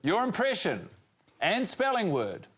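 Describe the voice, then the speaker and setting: A man hosting a comedy panel show, announcing in a mock-formal, deadpan way. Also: sits high, unhurried, breathy edge. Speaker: game show host. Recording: loud studio noise.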